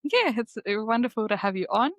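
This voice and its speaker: A woman's voice: on the high side, animated, brisk, dry recording. Woman hosting in a dry space. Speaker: podcast host. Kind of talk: podcast hosting, introduction and casual chat.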